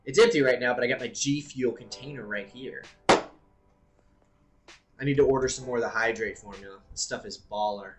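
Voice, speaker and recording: A man hosting a live stream, chatting casually and thinking out loud, with the odd swear word. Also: mid-range voice, normal speed, long pauses, music in the background.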